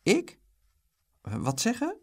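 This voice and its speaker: A man voicing a greedy, hot-tempered twelve-year-old boy who talks eagerly and flares up quickly. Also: extremely high pitch, huge pitch swings, pitched above the performer's own voice, full character voice.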